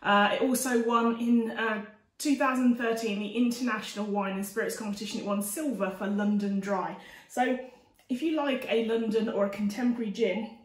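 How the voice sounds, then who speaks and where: Recorded indoors in a home dining room by a camera a few steps away, this audio sounds roomy and distant. A woman in her forties hosts a casual, chatty cooking demonstration at normal speed, her voice on the high side with fairly even intonation.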